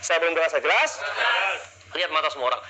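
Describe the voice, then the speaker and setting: A man's voice: fairly high pitch, lively intonation, fast talker, crowd noise, low-quality recording. A man leading a live public speaking seminar, energetically drilling the audience with call-and-response questions into a handheld mic. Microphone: handheld microphone.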